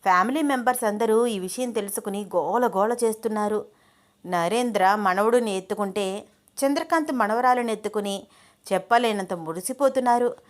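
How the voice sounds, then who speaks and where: A woman storyteller narrating a romantic family story in a steady, expressive reading voice. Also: mid-range voice, moderate pace.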